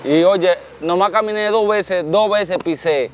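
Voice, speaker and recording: A man's voice: high voice, measured pace, slight background noise. Earnest Dominican man telling a story. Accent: Dominican Spanish. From Dominican Republic. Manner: earnest, repetitive, calls on God. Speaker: interviewee. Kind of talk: casual storytelling.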